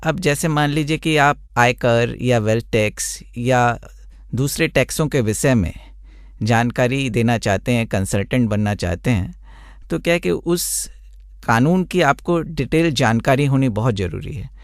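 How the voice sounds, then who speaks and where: A man, a blind tax consultant, answering radio interview questions in a measured, explanatory way with many examples. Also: mid-range voice, no room sound, clean studio sound.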